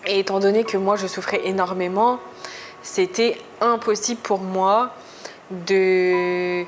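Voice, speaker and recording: A woman's voice: mid-range voice, steady tone, takes it slowly, slight background noise. A woman from France giving a personal testimony in a confessional storytelling style, hesitant and searching for her words. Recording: music behind the voice. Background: clearly audible music.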